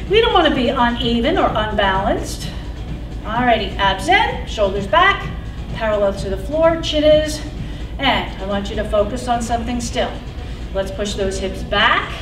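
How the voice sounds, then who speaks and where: Her voice on the high side, a cheerful aerobics instructor calls out moves and counts down reps, encouraging the class throughout. She's a bit far from the mic in a roomy wooden-floored studio, with loud workout music behind her.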